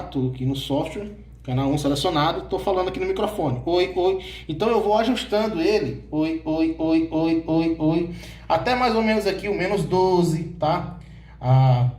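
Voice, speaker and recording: A man's voice: high-pitched, a little mellow, reverberant. A man with a Brazilian Portuguese accent teaching church audio hands-on, checking levels into the mic as he explains. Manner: talks through live mic checks, frequent "tá?" and "ó". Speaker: church sound instructor.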